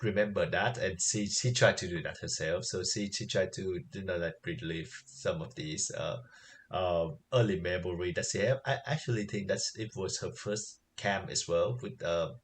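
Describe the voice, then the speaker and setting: A man co-hosting a podcast, talking casually about anime in a halting way, with many fillers and quick agreements. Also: deep voice, a little hiss or hum. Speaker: podcast co-host. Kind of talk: casual chat reviewing anime.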